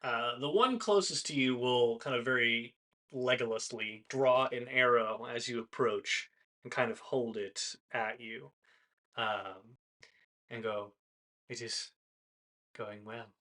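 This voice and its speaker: A man narrating a tabletop game as game master, casually, in halting improvised descriptions. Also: medium pitch, sharp tone.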